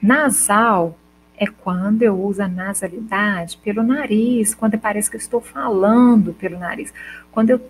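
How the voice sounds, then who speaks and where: A woman teacher with a Brazilian accent explaining a lesson step by step, slowly sounding out example words and checking in with her students. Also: mid-range voice, a little hiss or hum, rough recording. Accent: Brazilian Portuguese. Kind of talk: recorded school lesson.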